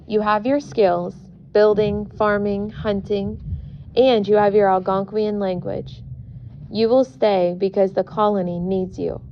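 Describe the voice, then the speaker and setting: A woman voicing a gravely wounded colonial captain who speaks slowly and wearily, with a gravelly edge. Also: mid-range voice, a little hiss or hum. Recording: muffled recording.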